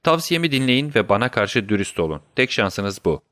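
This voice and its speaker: A man's voice: on the low side, big pitch swings, normal speed, fairly bright tone, no echo. A man voicing a firm, commanding detective. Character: brilliant calm adult male detective. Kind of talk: audiobook character reading.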